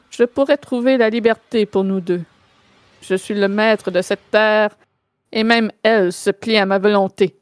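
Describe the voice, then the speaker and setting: A woman's voice: medium pitch, dry recording, close to an everyday voice. A woman voicing a brooding, possessive male vampire lord in a tabletop game, with solemn, declamatory delivery. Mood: yearning.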